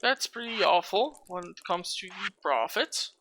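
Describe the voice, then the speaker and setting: Loud video game music plays behind a gaming video host's let's play commentary, with background noise as well. The host has a mid-range voice with lively intonation and a measured pace, chatting casually and rambling with a bit of mild profanity.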